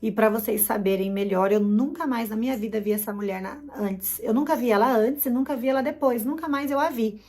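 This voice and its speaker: A woman's voice: a little high, brisk, hardly any pauses, warm tone. A middle-aged Brazilian woman with a Brazilian Portuguese accent, giving an emotional personal testimony and acting out her own past words as she tells it.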